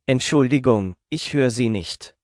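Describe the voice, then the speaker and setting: A man slowly repeating short German phrases several times over, as a language drill. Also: mid-range voice, a little mellow, dry recording, studio quality. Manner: slow, clearly spaced repetition of each phrase.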